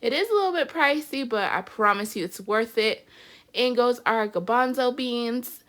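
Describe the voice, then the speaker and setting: Her voice is on the high side, expressive and fairly bright, moving at a moderate pace despite sounding stuffy and congested. As host of a home cooking channel, she narrates casually and cheerfully, often saying "y'all."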